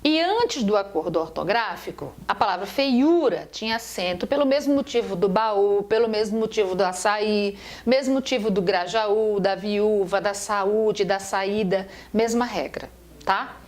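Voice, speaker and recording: Speaking at a measured pace in a mid-range voice, a woman who teaches Portuguese walks through grammar over slides in a recorded lesson. She goes step by step, asking her own questions and answering them.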